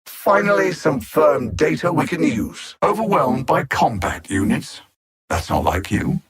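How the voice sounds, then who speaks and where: A slightly high, husky male voice brings animation to a video game villain, an alien machine intelligence that is cold, condescending and hungry for conquest. The tone is disdainful, its menace measured and its understatement sardonic.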